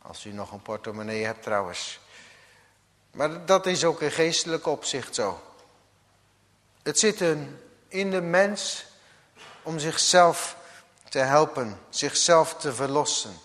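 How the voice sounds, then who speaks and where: Slow-preaching man in a reverberant church. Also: on the high side, expressive, a bit bright. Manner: slow, deliberate preaching, acting out the figures in a parable. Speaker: pastor. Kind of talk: sermon.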